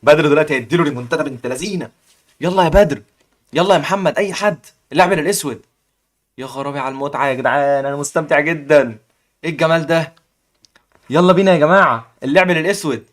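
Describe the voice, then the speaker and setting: A young man with an Egyptian accent hosting a live chess puzzle contest, excitedly cheering the players on. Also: on the high side, very fast. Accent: Egyptian Arabic. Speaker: chess stream host.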